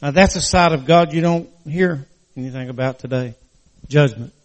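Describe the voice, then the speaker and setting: This older man from West Virginia, whose voice is on the high side, preaches earnestly and haltingly in church with a folksy touch. A crooked mouth from surgery slightly slurs his words, and the sound has a long reverb tail.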